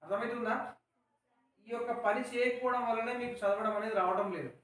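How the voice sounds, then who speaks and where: Echoey Telangana teacher, far from mic. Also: male voice, very high voice, fairly even intonation, fairly quick, a bit bright. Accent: Telangana Telugu. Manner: patient, explains words and asks questions. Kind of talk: classroom lesson with call-and-response. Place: school classroom.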